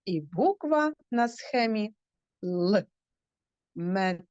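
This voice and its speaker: A woman's voice: mid-range voice, lively intonation, takes it slowly, darkish tone, dry recording, muffled recording. A woman teaching a phonics lesson to small children over a video call, stretching out words and asking the class questions.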